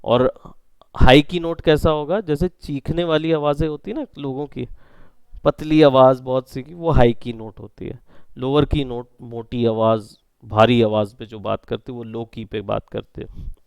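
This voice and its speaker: एक पुरुष प्रशिक्षक जो कक्षा में समझाते हुए बोलता है और बार-बार छात्रों से पुष्टि लेता है।. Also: male voice, mid-range voice, fairly even intonation, moderate pace, creaky, a little mellow, clear, resonant tone, dry recording. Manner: explanatory, checks in often with the class. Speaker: instructor. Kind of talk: classroom lecture on sound editing.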